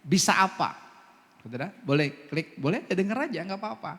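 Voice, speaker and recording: With a high-sitting, brisk voice, this man preaches as a pastor, spinning a lively tale full of asides and laughing often. The church hall gives the recording a long reverb.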